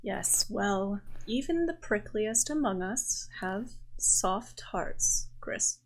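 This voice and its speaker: A woman voicing a suave, teasing noble man who speaks in a dry, arch and flirtatious way, a little lower and quieter than her own voice. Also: normal speed. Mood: gentle.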